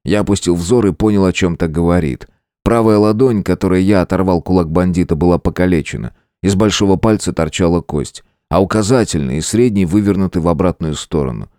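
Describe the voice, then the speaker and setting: A man narrating a first-person adventure audiobook in a steady, measured way. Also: low voice, no echo, clean studio sound.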